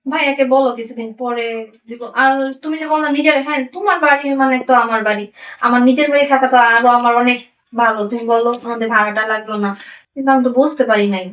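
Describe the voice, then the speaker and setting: An actress playing a deceitful young wife, pleading and wheedling, with a Bangladeshi accent. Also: female voice, on the high side, steady tone, fast, lo-fi sound, lightly acted. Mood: defensive. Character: deceitful young wife hiding spent money. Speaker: migrant worker's wife. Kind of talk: amateur drama acting. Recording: voice distant from the mic.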